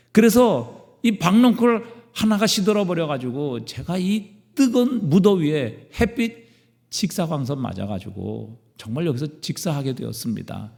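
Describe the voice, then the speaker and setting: A man's voice: medium pitch, creaky, warm tone. A man voicing an angry male prophet who pleads and argues with God in exasperation, in a reverberant church.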